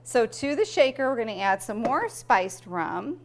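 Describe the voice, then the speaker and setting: A middle-aged woman hosts a home cooking show alongside her family, chatting casually, explaining each step and laughing often. Her voice is on the high side and very animated, at a normal speed, with a slight hiss or hum in the background.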